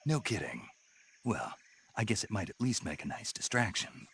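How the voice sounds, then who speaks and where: An actor playing a terse, dry-witted soldier on a covert mission in a video game. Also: male voice, fairly low pitch, normal speed, slight background noise. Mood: dry, skeptical. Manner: terse, deadpan.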